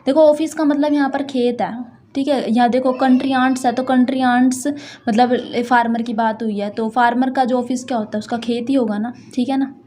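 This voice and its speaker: A woman teaching English literature, explaining a poem line by line in a chatty way and reading the quoted lines out slowly. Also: fairly high pitch, fairly even intonation, darkish tone. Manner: chatty, repeats "thik hai" and "doston", reads English lines slowly.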